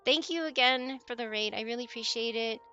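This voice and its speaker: A woman's voice: on the high side, brisk, bright, forceful tone, smooth. A woman live streamer talking casually to her chat in a rambling, conversational way. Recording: music playing behind the voice. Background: background music.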